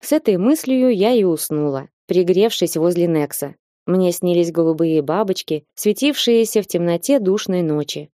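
A woman narrating an audiobook in a lively way and acting out the characters. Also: fairly low pitch, normal speed, no room sound, studio quality. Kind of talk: audiobook reading.

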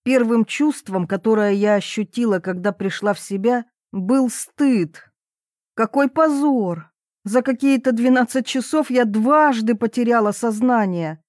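A woman narrating an audiobook in the first person, with a wry, lively storytelling manner. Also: fairly high pitch, no echo, studio quality.

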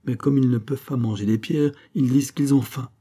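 A grave, loyal nobleman who speaks his mind with solemn conviction, as a male reader plays him. The voice is mellow and a little husky, with a measured, earnest delivery. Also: mid-range voice, pitched above the performer's own voice, close to an everyday voice. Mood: wry. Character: loyal, grave nobleman, bold but respectful.

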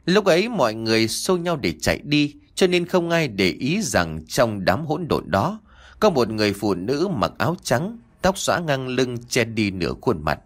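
A man's voice: big pitch swings, normal speed. Dramatic male horror storyteller. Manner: dramatic, sweeping pitch. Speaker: narrator.

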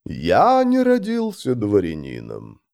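A man voicing a dignified nobleman in his sixties who speaks with quiet authority and compassion, in an audiobook. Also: high voice, huge pitch swings, takes it slowly, voice pushed up, exaggerated voice. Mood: calm. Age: 60s.

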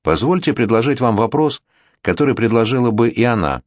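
A man's voice: mid-range voice, animated, fairly quick, no echo, studio quality, voice pushed up, natural voice. A man voicing a worldly, flirtatious middle-aged prince regent in a gallant, insistent manner. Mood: earnest.

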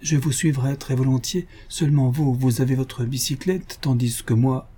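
Man doing a timid portly provincial gentleman. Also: medium pitch, normal speed, breathy edge, natural voice. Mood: hesitant. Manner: hesitant, fussy, polite.

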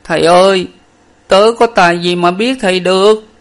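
A man voicing a tearful young male servant who pleads in a high, whimpering voice. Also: steady tone, moderate pace. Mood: tearful pleading.

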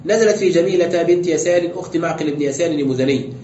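A man's voice: on the high side, fast talker, warm tone. A man teaching as a sheikh in a classroom lecture, explaining step by step and asking rhetorical questions. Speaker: sheikh teaching tafsir and fiqh. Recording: dull roomy lecture recording, faint noise.

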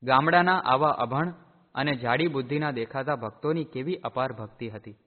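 A man narrating a devotional storybook in a slow, measured reading. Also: mid-range voice. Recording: echoey, tinny phone-like sound.

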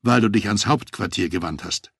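Regretful, flustered male FBI agents, read by a man in his own voice in a memoir audiobook. The voice is low and husky. It sounds apologetic and unsettled. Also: moderate pace, a bit bright, dry recording, studio quality, full character voice.

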